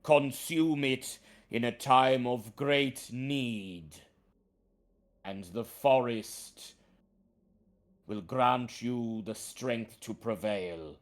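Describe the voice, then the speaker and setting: Man voicing a slow, grumbling ancient talking tree. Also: medium pitch. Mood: solemn, benevolent. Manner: slow, grave, formal pronouncements. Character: solemn ancient talking tree, a grave treant.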